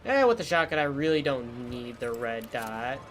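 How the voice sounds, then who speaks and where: A man streams a shooter game and answers the characters with dry jokes, his voice still worn from being ill. He speaks in a sing-song, mid-range voice at a moderate pace, with faint music plus loud gunfire and explosions behind him.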